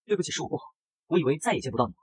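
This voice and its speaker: A man's voice: fairly high pitch, very animated, rapid-fire, breathy edge, no echo, full character voice. A man voicing a tearful young noble bride in a comic recap, pleading and earnest.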